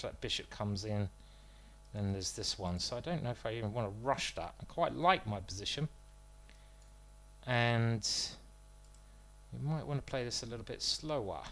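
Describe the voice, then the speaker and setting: Here a man at a normal male middle pitch commentates his own chess live, expressive and at a moderate pace. He mulls moves aloud and cracks self-deprecating jokes, sounding chatty and unpolished.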